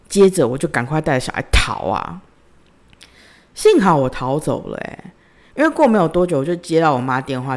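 A woman, hosting a podcast and telling a personal story in a conversational way, retelling the dialogue in her own voice. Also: low voice. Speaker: podcast host.

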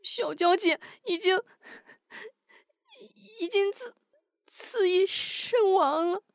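A woman voicing a wounded young fighter in a martial-arts audiobook, in a high, strained, tearful voice. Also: expressive, takes it slowly, no echo, studio quality.

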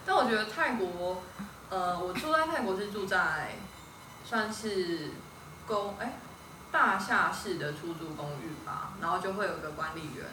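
A woman hosting a podcast, asking questions in a relaxed, encouraging manner. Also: medium pitch, moderate pace. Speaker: podcast host. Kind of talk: casual interview chat. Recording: roomy, distant mic with noticeable noise.

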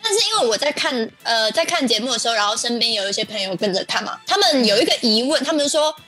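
A woman's voice: a little high, animated, quick pace, loud music behind the voice. A woman co-host, chatting casually and teasing playfully. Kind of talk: casual chat.

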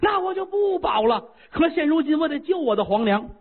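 An impetuous young prince fires off loud, eager declarations in a strained, high voice, as a male storyteller plays him. The delivery leaps about in pitch. It carries a thin, phone-like sound. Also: sing-song, a little fast, exaggerated voice. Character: hot-headed young male warrior prince. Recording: lo-fi phone-like recording.

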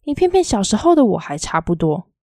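A woman voicing a timid, earnest teenage boy from a mountain village, in a soft, quietly lilting reading voice. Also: medium pitch, big pitch swings, brisk, no echo, studio quality. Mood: earnest, anxious.

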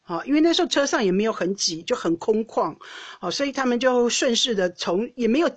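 A woman's voice: fairly high pitch, lively intonation, brisk, slightly rough, dry recording. A woman from Taiwan with a Taiwanese Mandarin accent, hosting a podcast and telling a personal story in a chatty way, often restarting her sentences with small laughs. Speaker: podcast host. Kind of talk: casual storytelling monologue.

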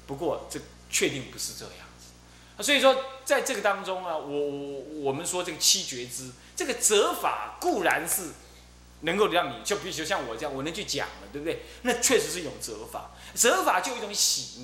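A middle-aged man, giving a Buddhist dharma talk as abbot and telling stories in a lively way, often repeating his fillers. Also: fairly high pitch. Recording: roomy echo with faint hum.

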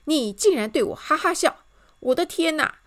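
A tearful king wails in a shrill, sobbing voice, as a woman storyteller puts him on. His voice leaps way up high and swings wildly between shock and crying. It is a children's storybook reading. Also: expressive, normal speed, fairly bright tone. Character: weepy, easily shocked male king.

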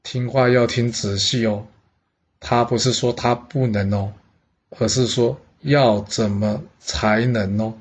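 A man's voice: medium pitch, steady tone, slow pace, husky. A man telling a history story in a chatty, conversational way, with explaining asides. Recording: dull lo-fi audio.

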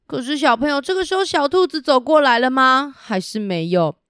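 A woman's voice: sits high, animated, a little fast, a bit bright, clean tone, no room sound, clean studio sound. A woman with a Taiwanese Mandarin accent telling a picture-book story as if reading to a toddler, putting questions to the children.

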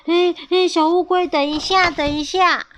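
A woman voicing a fussy little duck in a storybook reading, exasperated and high. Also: animated, unhurried, bright, forceful tone, a little hiss or hum.

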